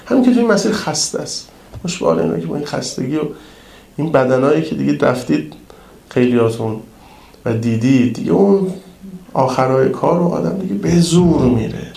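A man's voice: on the high side, vocal fry. Man preaching in an echoey room. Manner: colloquial, lively retelling of an anecdote. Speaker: preacher addressing pilgrims. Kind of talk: storytelling sermon in casual speech.

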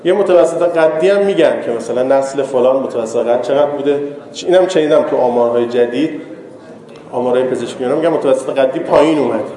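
A man's voice: medium pitch, warm tone. A man giving an informal sermon to a gathered audience, talking conversationally and teasing his listeners, turning emphatic when he drives a point home. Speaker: preacher. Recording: echoey hall with long reverb.

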